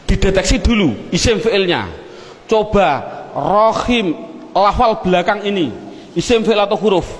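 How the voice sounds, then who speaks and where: A man's voice: high-pitched, lively intonation, unhurried, big-room sound. A man teaching Arabic grammar as a classroom lecture, asking questions and answering them himself.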